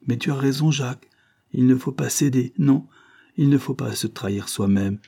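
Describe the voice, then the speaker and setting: A man's voice: normal speed, gravelly, warm tone. A man reading an audiobook, voicing a young woman, an anguished and devoted lover, with a raised, pleading delivery. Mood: sobbing, devoted. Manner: pleading, impassioned, rising in pitch.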